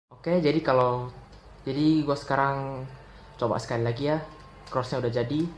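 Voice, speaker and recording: A young man gives a casual step-by-step puzzle tutorial. He talks in a relaxed way and calls out move notation one move at a time. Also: medium pitch. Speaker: Rubik's cube tutor. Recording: echoey room with audible noise.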